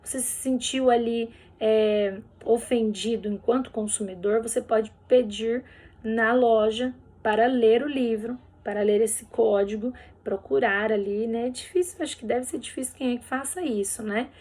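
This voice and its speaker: A woman's voice: a little high, normal speed, a little mellow. A woman teacher going over workbook answers in a recorded lesson, explaining patiently step by step and checking in with tag questions.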